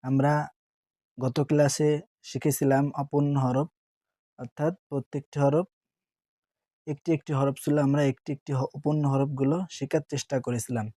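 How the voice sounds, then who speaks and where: A man's voice: mid-range voice, little pitch movement, moderate pace, long pauses, dark tone, dry recording, clean studio sound. A man teaching Quran reading, patiently drilling Arabic letter pairs and asking the listener to repeat them. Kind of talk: spoken lesson, drilling Arabic letter names.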